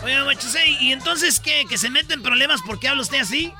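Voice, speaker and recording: A man's voice: extremely high pitch, brisk, music in the background. A man hosting a comedy radio show, teasing the guest character with questions.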